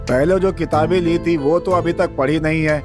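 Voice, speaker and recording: Man voicing a short-tempered villager, scolding, exasperated, fairly high voice, faint music. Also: steady tone, moderate pace, natural voice. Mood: grumbling. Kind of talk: Hindi film dub.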